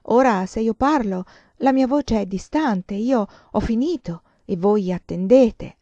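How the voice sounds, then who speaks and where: A woman's voice: on the high side, unhurried, warm tone, no room sound, dull audio, natural voice. A woman voicing an intense, earnest young female student with impassioned, emphatic speech in a storybook reading.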